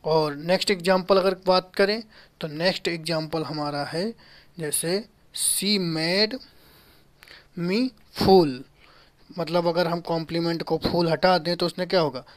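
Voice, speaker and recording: Slow-paced man teaching grammar. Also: fairly high pitch, steady tone. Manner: explains slowly, repeats key terms, asks rhetorical questions. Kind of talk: whiteboard grammar lesson. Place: small indoor room at a whiteboard.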